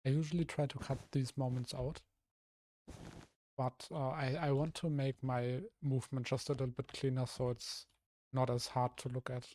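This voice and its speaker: A young German man streams live while building, talking through his plans casually in a rough, slightly hoarse but mellow, warm voice of medium pitch. He thinks aloud at a normal speed with a flat delivery, often trailing off and restarting, and the close, dry sound has no room around it.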